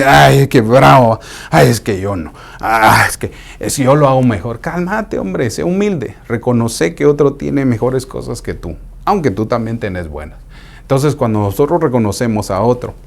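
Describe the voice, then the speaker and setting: Man preaching a conversational sermon. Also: mid-range voice. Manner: conversational, acts out quoted people in hushed asides.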